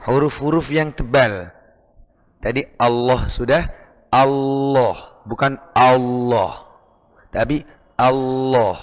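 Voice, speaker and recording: Slow, patient Indonesian man teaching. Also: mid-range voice. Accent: Indonesian, East Javanese. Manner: patient, repeats sounds slowly to demonstrate. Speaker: Quran recitation teacher. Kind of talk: recitation lesson.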